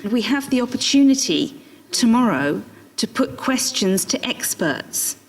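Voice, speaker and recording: A woman moderating a small discussion group, explaining the process calmly and step by step. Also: fairly high pitch, measured pace.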